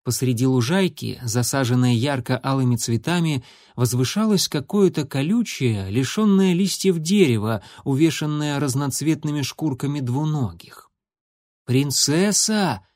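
A man narrating a children's animal adventure in a steady, measured reading. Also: mid-range voice, no room sound, studio quality. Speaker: audiobook narrator. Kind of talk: scripted storybook narration.

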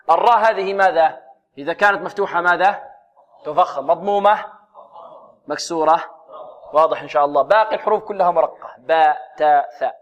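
Guy teaching quran recitation, kinda high voice, repeats sounds for the class, muffled lo-fi radio sound. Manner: drills sounds, asks the class questions and answers them himself. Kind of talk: tajweed lesson.

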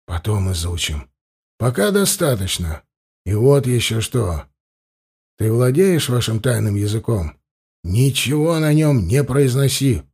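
A man voicing a cautious, commanding priest in an audiobook, speaking low and hushed. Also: big pitch swings, measured pace, breathy edge, full character voice. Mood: stern.

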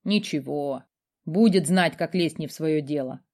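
A woman voicing a calm, self-assured young male necromancer, speaking in a measured way. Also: low-pitched, voice pushed down. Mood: amused. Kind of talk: audiobook character voice.

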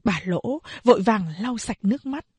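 A woman narrates an audiobook novel in a slow, steady way. Her voice is husky and fairly high. The recording is dry and close, with no room around it. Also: dry recording.

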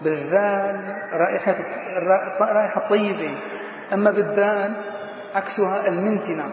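A man's voice: high-pitched, fairly even intonation, a little fast, noisy background. A man teaching a grammar lesson as a sheikh, asking his students questions and then answering them himself. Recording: tinny lo-fi echoey hall recording.

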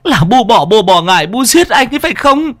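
A man's voice: sits high, very animated, moderate pace, slightly rough, dry recording, studio quality, pitched above the performer's own voice, full character voice. A man voicing a grief-stricken, middle-aged mother in an audiobook, speaking in a bitter, pleading, reproachful way. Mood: accusing. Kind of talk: audiobook character voice.

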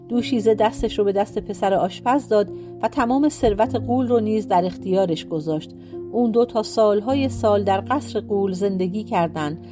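A woman reading a folktale aloud in a calm, even storybook narration. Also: mid-range voice. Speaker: audiobook reader.

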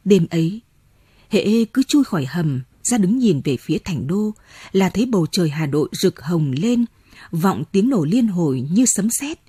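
Woman narrator for a novel audiobook: slow, dark and husky, measured delivery. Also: on the low side, no room sound. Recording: dry close mic, faint music.

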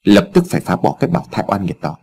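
A man's voice: low-pitched, huge pitch swings, fast talker, darkish tone, voice pushed down, heavily acted. A man voicing a stern, wealthy old father in a told story, speaking in harsh, clipped scolding tones.

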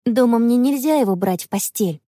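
An eager, emotional young girl from a children's storybook, as a woman narrator puts her on, her voice pitched high and swinging widely as she pleads. The sound is dry and close, with faint music under it. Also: lively intonation, brisk, dark tone, no echo. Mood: pleading.

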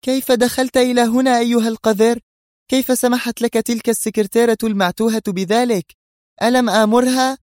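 A man reading a story aloud, voicing an angry, scheming female villain who shouts orders. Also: fairly even intonation, brisk, dry recording, clean studio sound. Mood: furious. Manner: shrill, furious, commanding.

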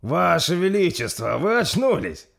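A man voicing a loyal, hot-headed male warrior who talks with loud emotion in an audiobook story. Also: a little high, big pitch swings, moderate pace, breathy edge, voice pushed up. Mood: joyful. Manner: emotional, shouting.

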